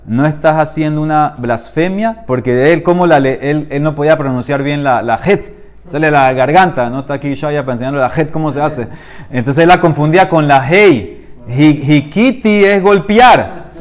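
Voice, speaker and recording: A man teaching a Talmud class, reading Aramaic passages and explaining them in Spanish. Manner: animated, rises in pitch when stressing points.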